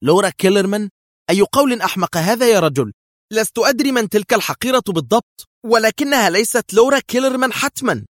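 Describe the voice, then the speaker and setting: A man voicing a furious, sharp-tongued female national security adviser in an audiobook. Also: high voice, expressive, fast talker, no room sound, clean studio sound, pitched above the performer's own voice. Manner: sharp, angry. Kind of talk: audiobook character voice.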